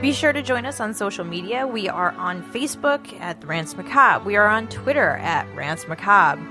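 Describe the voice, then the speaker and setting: A woman co-hosts a podcast, teasing and playful, tossing in quick asides. Music plays clearly behind her voice. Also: mid-range voice, animated. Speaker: podcast co-host. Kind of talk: casual chat.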